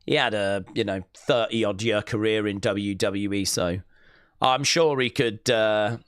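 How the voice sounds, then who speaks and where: A wrestling watch-along streamer talks casually and chattily over a live show, reading chat messages aloud and filling pauses with plenty of "uh"s. His voice is lowish, smooth, and fairly bright, and he speaks a little slowly. The audio is studio quality, with no echo.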